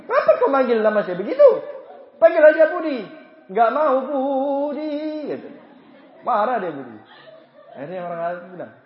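A man giving a religious study lecture in a joking, lively way, acting out anecdotes and chanting prayer phrases as examples. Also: on the high side. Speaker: religious teacher. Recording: echoey, dull lo-fi room recording.

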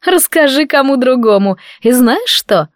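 A woman's voice: high-pitched, expressive, measured pace, no echo, studio quality, voice pushed up. A woman voicing a spiteful, jealous young maid who talks in a venomous, mocking hiss. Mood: gloating.

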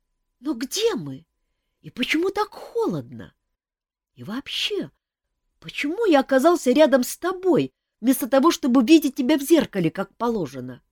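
A woman voicing a frightened young male wizard turned into a chick, with a squeaky, piping voice and anxious questions. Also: huge pitch swings, moderate pace, darkish tone, no echo, studio quality, heavily acted.

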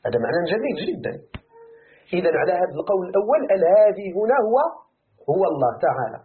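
In a tinny, phone-like recording, a man speaks rapid-fire in a high-sitting voice with a Moroccan accent. He teaches Quran commentary to a class, animatedly posing questions to his students and then supplying the answers.

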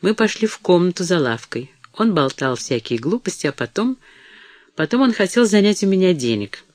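A woman's voice: fairly low pitch, big pitch swings, moderate pace, a little mellow, no room sound, pitched above the performer's own voice. A male reader voicing a stiff, proud younger woman who cries out sharply between sobs in an audiobook. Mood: sobbing.

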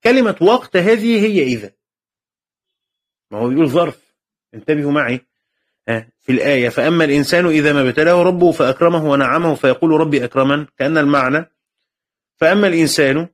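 A man's voice: on the high side, lively intonation, quick pace. A man with an Egyptian Arabic accent teaching a text commentary in class. He reads formal passages, explains them in colloquial speech, repeats key phrases and keeps checking that his students follow. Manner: shifts between formal reading and colloquial explanation.

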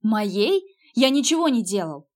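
A woman's voice: fairly high pitch, very animated, a little slow. A woman voicing an angry, defensive young man, the narrator's brother, in heated, indignant outbursts in an audiobook.

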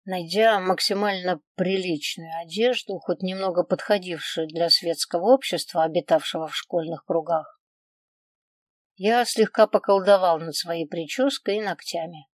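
Low-voiced woman reading an audiobook. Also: normal speed, no echo. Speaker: audiobook reader. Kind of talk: first-person audiobook narration.

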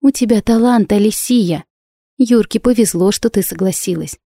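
An eager, exclaiming young woman, as an audiobook narrator puts her on, her voice lifted above the narrator's own. It stays mellow in tone and dry, close to the mic. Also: normal speed, dry recording, natural voice. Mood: lively. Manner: bright, exclaiming, raised pitch. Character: lively, enthusiastic young woman artist friend. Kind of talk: audiobook character voice.

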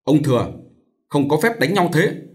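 A man's voice: a little high, sing-song, moderate pace, voice pushed up. A man doing a stern scolding neighbor. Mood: firm reproach. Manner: firm, reproachful.

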